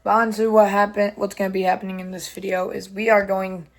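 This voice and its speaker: A railfan host with a hoarse, nearly lost voice, narrating a casual vlog. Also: mid-range voice, level tone, fast talker. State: hoarse from losing voice.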